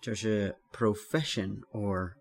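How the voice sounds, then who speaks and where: A man co-hosting a language-lesson podcast, reading out his answers in a flat, robotic way. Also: on the low side, takes it slowly. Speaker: co-host and learner.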